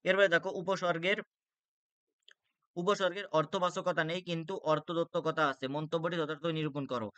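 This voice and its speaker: A man's voice: a little high, steady tone, normal speed, a bit bright, no room sound. A young man tutoring for an exam, reading rules aloud with many "ah" fillers and restarts. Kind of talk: exam-prep lecture.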